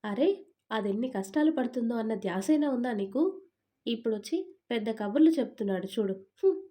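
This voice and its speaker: A woman's voice: fairly high pitch, animated, fairly quick, mellow, lightly acted. A woman voicing a sulky, talkative young newlywed wife in an audio story, complaining in a pouting tone.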